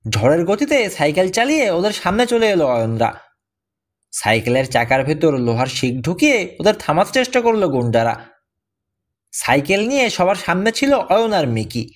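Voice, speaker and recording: A man's voice: sits high, very animated, moderate pace. Man reading an adventure story aloud. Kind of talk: scripted audiobook narration.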